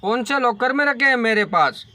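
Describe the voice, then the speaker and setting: A man's voice: very high voice, lively intonation, normal speed, pushed and bright, no room sound, heavily acted. A man voicing a scheming mother-in-law. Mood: defensive. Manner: defensive, feigned innocence. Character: scheming middle-aged mother-in-law, lying.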